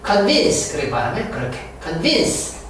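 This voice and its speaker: A male teacher lectures in a roomy, echoing space, heard from some distance off the mic. His voice sits high and swings widely in pitch while he talks slowly. He repeats English words emphatically for his class over a faint room hum. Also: huge pitch swings, fairly bright tone. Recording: echoey room picked up from afar.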